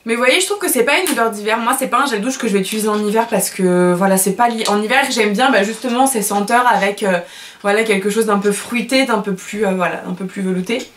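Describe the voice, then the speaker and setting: A woman's voice: medium pitch, fast, a little hiss or hum. A woman beauty vlogger chatting casually while unboxing products, gushing and chatty with many fillers and self-corrections.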